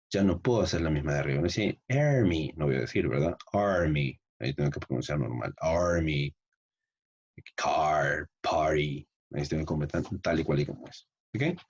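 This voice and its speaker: A male English teacher whose first language is Spanish, drilling pronunciation and repeating words slowly. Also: low-pitched, a little mellow, breathy edge, muffled recording. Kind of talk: pronunciation lesson.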